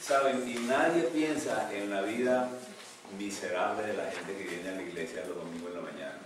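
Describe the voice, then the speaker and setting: An older male pastor preaches in a lowish voice, swinging from loud outbursts to hushed asides. He is recorded from a distance in a very echoey church, with clear noise in the background. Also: moderate pace. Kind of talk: sermon. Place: church sanctuary.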